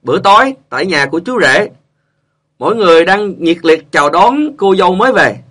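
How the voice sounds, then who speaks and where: High, bright male joke narrator. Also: big pitch swings, fairly quick, a little hiss or hum. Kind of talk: narrating funny stories.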